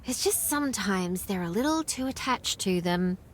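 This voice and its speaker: A woman's voice: medium pitch, animated, moderate pace, close to an everyday voice. An actress with an Australian accent playing a friendly, knowledgeable small-town woman in video game dialogue, chatty and explanatory. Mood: friendly, earnest.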